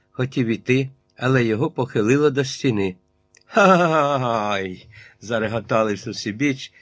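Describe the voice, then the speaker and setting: A man reading a literary novel aloud in a measured way, in short phrases. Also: mid-range voice, no room sound. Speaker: audiobook narrator.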